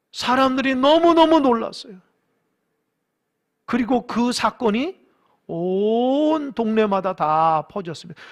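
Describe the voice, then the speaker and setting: A male pastor preaching in a church with a high-pitched voice. He tells the story animatedly, acts out the characters' voices, and urges the congregation on. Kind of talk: sermon. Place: church sanctuary.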